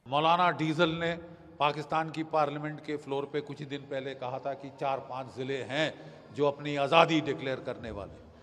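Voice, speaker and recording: An older man giving emphatic news commentary as a defence expert, pausing with hesitations and mixing in English phrases. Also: mid-range voice, fairly even intonation, a bit bright, big-room sound.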